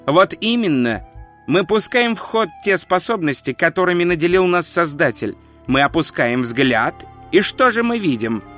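A man's voice: on the high side, big pitch swings, normal speed, a bit bright, soft background music, pitched above the performer's own voice. A man voicing a stern, impatient wizard in an audiobook, lecturing and imperious. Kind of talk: audiobook character voice.

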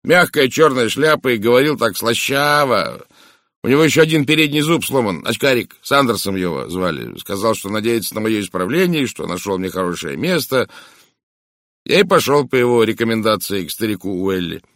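A man reading an audiobook voicing a nervous ex-convict servant, rough and plain-spoken. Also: lowish voice, sing-song, normal speed, a bit bright, no echo, studio quality. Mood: defensive.

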